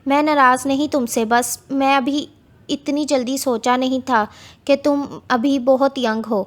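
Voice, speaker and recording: A woman reading as a cold, curt young man barking short orders, his voice pitched high and light, a romance audiobook hero who doesn't ask twice. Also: steady tone, natural voice. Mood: soothing. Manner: curt, commanding.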